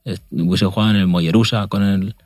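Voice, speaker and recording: This man talks in a lowish voice, chatting loosely about football as a co-host. He laughs easily, mocks himself and often stops and restarts his sentences. The sound is close and dry, with no room behind him. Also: fairly even intonation, darkish tone, no room sound. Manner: laughs often, self-mocking, halting restarts. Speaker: podcast co-host. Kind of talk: casual chat about football.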